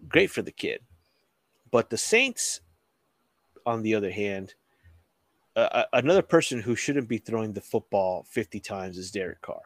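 A man's voice: lowish voice, animated, normal speed, pauses often, no room sound. A man co-hosting a casual sports podcast, swearing freely, laughing often and restarting his sentences. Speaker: podcast co-host.

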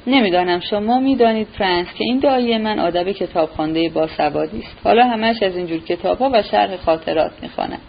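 A woman's voice: medium pitch, gravelly, few pauses, lo-fi sound, slight background noise, lightly acted. A woman reading a sneering young nephew. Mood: mocking. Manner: sneering, loud and derisive. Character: scornful young man, mocking nephew.

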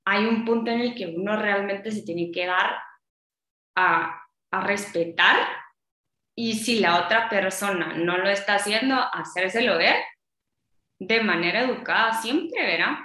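A chatty woman with a Guatemalan Spanish accent, talking in a bright, forceful voice. Her words bounce around an echoey room, and she keeps checking in with her listener as she goes. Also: medium pitch, unhurried. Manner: chatty, tags phrases with "¿va?" and laughs often. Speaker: podcast co-host. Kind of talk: casual chat.

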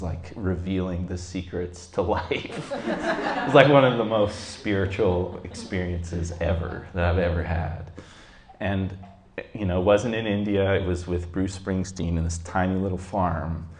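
A man telling a reflective personal story to a group, halting, with many fillers. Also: deep voice. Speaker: group participant sharing a story. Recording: roomy echo.

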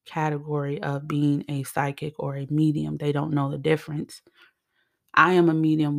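A woman from Chicago hosting her own podcast as a psychic medium, talking chattily and excitably straight to her listeners. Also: deep voice, gravelly. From Chicago, United States. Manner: chatty and excitable, addresses listeners directly with "honey" and "you guys". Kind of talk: casual solo podcast talk.

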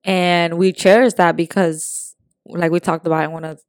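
A young woman from Puerto Rico and the Dominican Republic talks in a candid, slangy, easygoing way as a podcast co-host. Her voice sits a bit low. The sound is close and dry, with no room around it. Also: fairly even intonation, moderate pace, clear, resonant tone, dry recording. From born in Puerto Rico, raised in the Dominican Republic. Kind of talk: casual chat.

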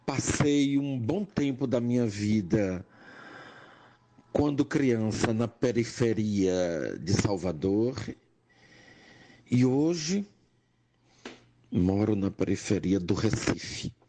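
Older man, Pernambuco accent, unhurried, deliberate delivery, personal testimony, builds emphasis. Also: fairly low pitch, animated, dark tone, slight background noise. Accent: Pernambuco Portuguese. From Brazil, Pernambuco. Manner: slow, measured, rising in emphasis. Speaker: nurse and educator.

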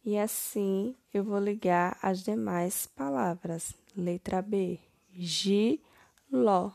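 Woman, teacher, very slow, gravelly, dry close sound, step-by-step homework correction. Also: medium pitch, a little mellow, no echo. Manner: slow, step-by-step, stressing each word. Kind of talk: recorded homework correction for first graders.

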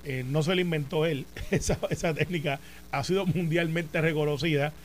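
A Puerto Rican man co-hosting a political talk show, telling a long story in a lively, animated way. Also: on the high side, slight background noise. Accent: Puerto Rican Spanish. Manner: animated storyteller, fast and talkative. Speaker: senator and show co-host. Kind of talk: casual political debate.

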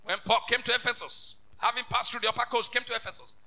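A man preaching a sermon as a bishop, emphatic and repetitive, rising to shouts. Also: very high-pitched, steady tone, quick pace, low-quality recording.

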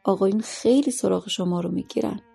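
A woman's voice: mid-range voice, gravelly, dark tone, husky, soft background music. A woman voicing a stern, ill-tempered male school vice-principal who lectures, in a story reading. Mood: businesslike.

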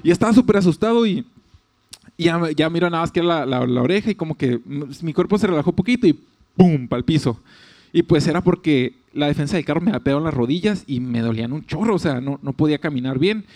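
A young man with a Mexican accent, casually telling a personal story with lively asides and quoted voices. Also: fairly high pitch, quick pace. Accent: Mexican Spanish. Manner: animated, chatty, fillers, laughs, quotes others.

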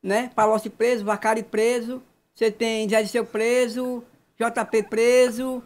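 A man's voice: very high voice, little pitch movement, measured pace. A man in casual, opinionated chat, repeating his phrases for emphasis.

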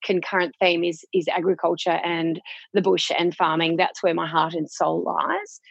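A frank, chatty Australian woman in her forties speaks in a fairly low, husky voice. The recording is dull and lo-fi, and the sound is very dry. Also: normal speed, dry recording. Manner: frank and chatty, with casual Aussie slang. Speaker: guest. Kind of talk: candid personal interview.

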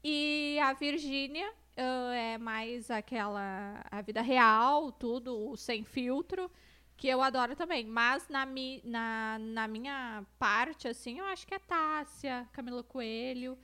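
A woman with a southern Brazilian gaúcho accent, a relaxed guest in a casual chat. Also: a little high, takes it slowly, clean tone. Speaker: guest, influencer.

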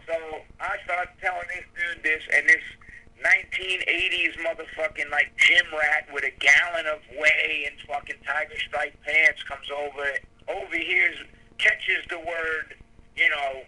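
Profane, bright-voiced man in his fifties. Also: a little high, measured pace, low-quality recording. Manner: profane, emphatic, stammering restarts. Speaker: guest author. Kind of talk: casual podcast conversation.

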